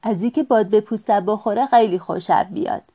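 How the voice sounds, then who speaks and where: A woman voicing a playful, carefree young fox who talks loudly and cheerfully. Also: medium pitch, natural voice. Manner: loud and cheerful.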